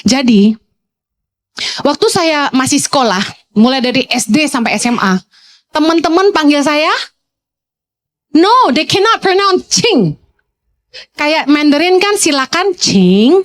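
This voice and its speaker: A woman pastor, preaching to a youth congregation in a lively storytelling way, slipping in English phrases. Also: measured pace. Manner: swings to high, playful exclamations.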